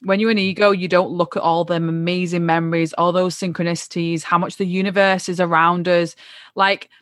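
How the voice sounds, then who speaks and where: A woman's voice: lowish voice, little pitch movement, a little fast, dry recording, studio quality. A woman co-hosting a relationship podcast, speaking in a conversational, spiritual way. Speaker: podcast co-host. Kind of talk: casual reflective chat.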